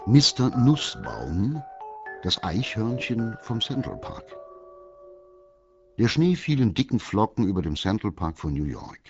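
A man reading a children's story aloud as the narrator, in a calm, measured way. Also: on the low side, dull audio, faint music behind.

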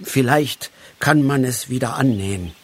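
A man voicing a calm, thoughtful older male wanderer in a storybook reading, measured and soothing in tone. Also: medium pitch.

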